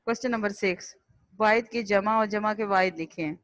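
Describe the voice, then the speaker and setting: A woman teacher, reading words aloud slowly and repeating each one, spelling out the vowel marks for her pupils. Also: medium pitch, no room sound, poor audio. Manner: slow, drilled repetition, spelling out vowel marks. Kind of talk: classroom lesson, reading word lists aloud.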